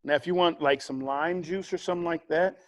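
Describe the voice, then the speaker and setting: Male cooking instructor, higher-than-average voice, relaxed conversational demo style. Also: fairly quick, dry recording. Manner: chatty, relaxed, with fillers and asides. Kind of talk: casual cooking demonstration.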